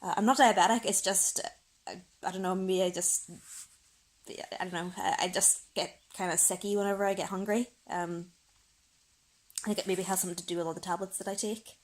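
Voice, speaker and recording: A young woman with a Northern Irish accent, croaky from just waking up, rambling casually to her camera in her bedroom and laughing often. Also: mid-range voice, steady tone, a little fast. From Northern Ireland. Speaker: vlogger. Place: bedroom, indoors, rain outside. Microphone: camera set on a shelf.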